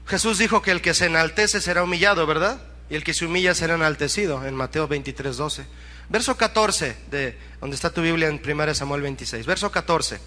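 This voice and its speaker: Bright high-voiced preacher in a hall. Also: male voice, brisk. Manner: asks the congregation to repeat after him; reads scripture aloud and acts out the characters' lines. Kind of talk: sermon.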